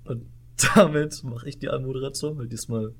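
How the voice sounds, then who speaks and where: A man's voice: medium pitch, fairly even intonation, a little fast, a bit bright, slightly rough. Joking young man co-hosting a podcast. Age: young adult. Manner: joking, mixes in English words. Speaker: podcast co-host. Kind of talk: casual podcast chat.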